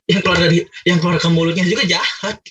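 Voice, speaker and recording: A man's voice: high voice, little pitch movement, quick pace, a bit bright, slightly rough, far from the mic, lo-fi sound. A man from Manado leading a casual Bible discussion for a cell group, chatty and teasing with many fillers.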